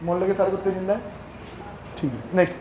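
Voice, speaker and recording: A man teaching an accounts class, joking with his students and reading the questions out slowly. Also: sits high, darkish tone, a little hiss or hum. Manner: teasing, banters with students, reads questions slowly. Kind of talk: classroom lecture. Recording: echoey classroom.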